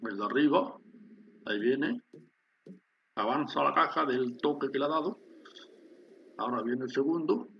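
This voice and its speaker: In a dull, lo-fi clip with faint background hiss, a male instructor explains a factory simulation on screen, checking in with viewers through repeated "¿vale?". He has a gravelly mid-range voice and speaks at a moderate pace with long pauses.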